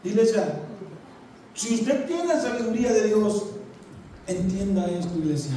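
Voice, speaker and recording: A man preaches with a very high voice, talking to his congregation in a folksy, joking, direct way. His voice comes from a distance and rings through a very echoey church hall. A faint hiss of noise sits under the sermon. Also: mellow. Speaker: pastor.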